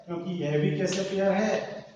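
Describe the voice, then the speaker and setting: A man's voice: high voice, moderate pace, darkish tone, muffled recording, a little hiss or hum. A man teaching a maths lesson, often asking the class questions and answering them himself. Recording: echoey room, distant from mic.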